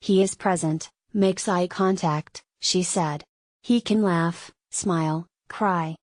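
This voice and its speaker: A woman's voice: on the low side, takes it slowly, darkish tone, dry recording. A woman reading a scripted news article as a narrator, quotes included in the same reporting voice.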